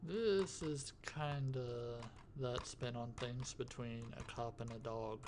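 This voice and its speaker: A man talking in a soft-spoken ASMR style, gentle and musing, as he rambles casually with tapping sounds around him. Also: mid-range voice, takes it slowly. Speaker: ASMR video host. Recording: clicking, tapping noise behind voice. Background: finger tapping and clicking sounds.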